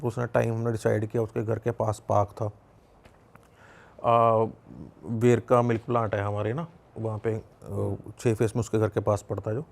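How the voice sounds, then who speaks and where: A man's voice: fairly low pitch, little pitch movement, moderate pace, gravelly. A young man with a Punjabi accent, telling a personal story as a podcast guest in a casual, conversational way, acting out his own and others' dialogue with many repeats and fillers.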